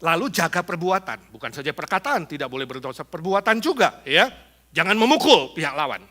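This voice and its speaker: A man preaching a sermon to a congregation, animated and humorous, acting out little quotes as he goes. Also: fairly high pitch, fairly quick. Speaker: pastor. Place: church in Los Angeles.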